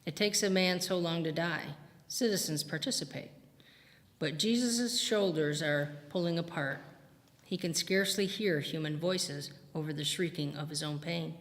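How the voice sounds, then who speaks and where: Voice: mid-range voice, moderate pace, a bit bright. A reader narrating a solemn, vivid retelling of an execution in a church. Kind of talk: dramatic scripture narration. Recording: long church reverb.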